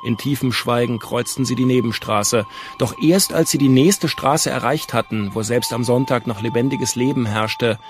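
A man reading an audiobook in a measured, calm storytelling manner. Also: medium pitch, faint music behind. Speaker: audiobook narrator. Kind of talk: scripted narration.

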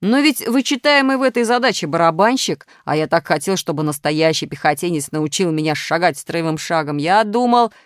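A woman's voice: lowish voice, expressive, a little fast, hardly any pauses, no echo, clean studio sound, close to an everyday voice. A woman voicing a naughty, whiny male minus sign who pleads and wheedles, in an audiobook. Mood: whiny pleading. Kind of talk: audiobook character voice.

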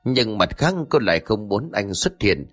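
A man reading a story as narrator with steady scripted narration. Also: on the low side, normal speed.

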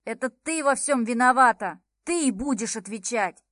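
A woman's voice: medium pitch, unhurried, dry recording, studio quality, natural voice. A woman voicing a cowardly young man who shrieks and pleads in panic. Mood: panicked.

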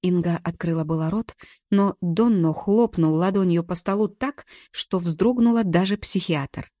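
Woman narrating in a low, mellow voice. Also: measured pace, no echo, studio quality. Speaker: audiobook narrator. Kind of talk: scripted narration.

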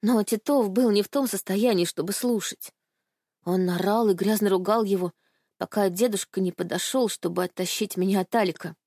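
A woman's voice: medium pitch, moderate pace, darkish tone, dry recording. Woman reading a tense novel, dry sound. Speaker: audiobook narrator. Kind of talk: first-person novel narration.

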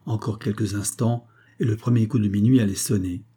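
A man narrating a classic tale as an audiobook, in a measured storytelling manner. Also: on the low side, steady tone, warm tone, slightly rough.

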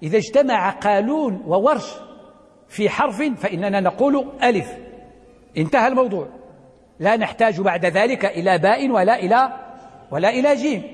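A man's voice: high-pitched, expressive, brisk, slightly rough, long reverb tail. A man teaching a class, asking students questions and repeating the key points. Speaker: teacher of Quran readings. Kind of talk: classroom lecture. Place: classroom with a blackboard.

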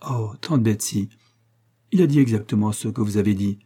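Brief: earnest young heroine in a storybook reading, pleading and emotional, dark husky tone, played by a man. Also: fairly low pitch, moderate pace. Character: young woman, earnest and lovesick.

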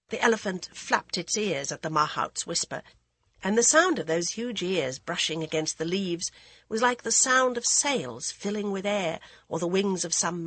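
A woman's voice: fairly bright tone, slightly rough, no echo. A woman narrating a storybook, raising her voice for the characters. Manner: voices characters with raised pitch. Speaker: audiobook narrator.

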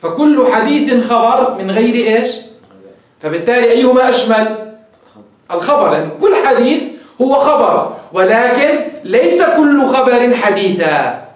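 A man's voice: very high voice, very animated, moderate pace. A male sheikh giving a classroom lecture on hadith terms, asking his students questions and answering them himself. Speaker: sheikh teaching hadith terminology. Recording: very echoey room, voice from far off.

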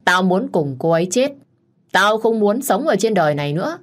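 A woman voicing a crazed, jealous young man who holds a knife and threatens and taunts in a menacing, shouting way. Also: lowish voice, a little slow, breathy edge. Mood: raging.

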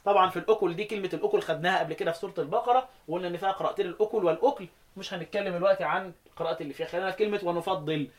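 Fast-talking Egyptian Quran teacher. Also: male voice, high-pitched. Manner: chants verse lines slowly, then explains quickly. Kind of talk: teaching lesson, quizzing students.

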